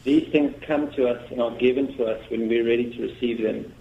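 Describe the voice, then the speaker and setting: A man talks from a room at home in a slow, measured, teacherly way, his voice ringing with a strong echoey room sound. The line comes through a little dull and muffled, like a remote call. He sounds like a guest explaining his method on an interview show. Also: mid-range voice, steady tone, gravelly. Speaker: guest, founder of a self-help method.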